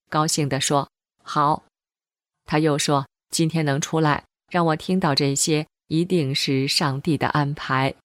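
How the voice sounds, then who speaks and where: Woman, low voice, steady scripted reading, dry close sound. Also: no room sound. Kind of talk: scripted first-person testimony narration.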